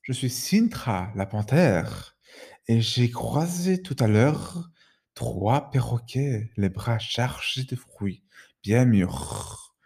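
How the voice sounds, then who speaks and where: A man voicing a big spotted panther who talks in a slow drawl. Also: mid-range voice, lively intonation, vocal fry, darkish tone, breathy edge, heavily acted.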